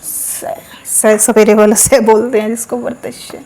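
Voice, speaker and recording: A woman teaching a lesson, explaining step by step, asking questions and answering them herself, and saying sounds aloud slowly for practice. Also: fairly high pitch, little pitch movement, dark tone. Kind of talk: classroom lesson.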